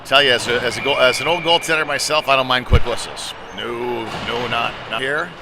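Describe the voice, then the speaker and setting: Here a former goaltender handles live hockey commentary, his medium-pitched voice running a little fast. It's a conversational delivery that turns excited on the big plays, heard over clear arena noise.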